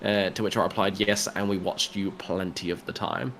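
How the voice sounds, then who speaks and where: A man's voice: deep voice, fairly even intonation, normal speed, a bit bright, slight background noise. A man giving chatty, jokey, analytical commentary on a sim race.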